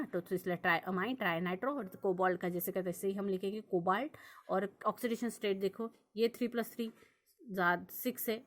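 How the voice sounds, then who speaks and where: A woman's voice: medium pitch, a bit bright. A young woman teaching a chemistry lesson, working through examples and asking her students questions as she explains. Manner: repetitive, checks understanding with questions. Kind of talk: classroom lesson explaining on a board.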